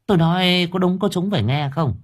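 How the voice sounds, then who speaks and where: A man's voice: high-pitched, lively intonation, brisk, slightly rough, voice pushed up. A man doing an opinionated village gossip woman. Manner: chatty, opinionated.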